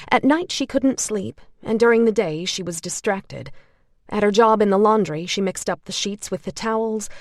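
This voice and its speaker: A woman narrating an audiobook of a novel in a measured storytelling manner. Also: medium pitch, no room sound, clean studio sound.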